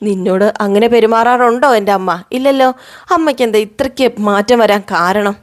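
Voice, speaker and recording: A woman's voice: a little high, brisk, lightly acted. A woman voicing a pestering young man. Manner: pestering, fretful questions. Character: restless young man, nagging and curious.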